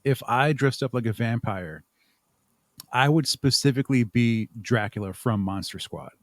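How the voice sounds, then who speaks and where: A man who creates audio dramas appears as a podcast guest in a casual interview, giving rambling, thoughtful, self-deprecating answers. His medium-pitched voice is lively in intonation at a moderate pace, and the recording is dry.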